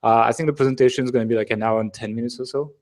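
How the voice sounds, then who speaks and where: A man's voice: mid-range voice, steady tone, rapid-fire. Chatty French-accented man hosting a webinar. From France. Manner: chatty, joking, many fillers. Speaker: webinar host. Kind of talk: casual live webinar chat.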